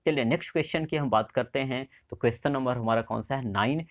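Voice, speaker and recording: A man's voice: medium pitch, quick pace. A young man teaching a current affairs exam lesson, asking a question and answering it himself, repeating key facts as memory tricks.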